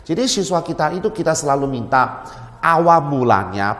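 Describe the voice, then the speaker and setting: Man, animated teacher explaining, fairly high voice, roomy long reverb. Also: normal speed. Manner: animated, repeats words for emphasis. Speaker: Mandarin teacher and school head. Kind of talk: explaining in an interview.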